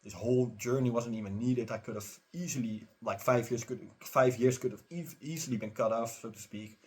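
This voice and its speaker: A man's voice: mid-range voice, brisk, darkish tone, breathy edge. A man who runs a spiritual teaching channel, talking straight to his viewers in a casual, emphatic, repetitive way. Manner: emphatic, repetitive, urging the listener. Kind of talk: casual spiritual pep talk.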